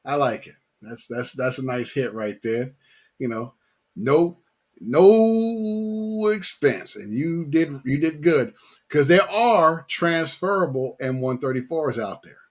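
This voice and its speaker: Brief: male host, casual and slangy, lower-pitched than most, husky tone, laid-back repetitive delivery. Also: unhurried. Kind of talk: casual chat.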